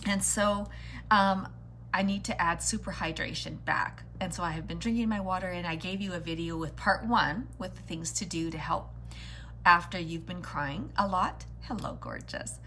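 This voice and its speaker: Low-pitched woman chatting on a noisy livestream. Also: moderate pace, a bit bright. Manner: chatty, addressing viewers directly with greetings and endearments. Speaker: beauty vlogger hosting a live makeup tutorial. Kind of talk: casual livestream chat while doing makeup.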